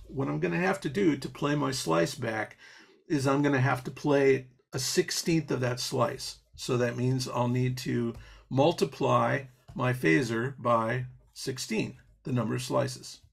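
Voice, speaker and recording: A software instructor with a creaky, husky, mid-range voice builds an audio programming patch live on a video call, moving slowly. He explains step by step as he goes, often using fillers and restarting.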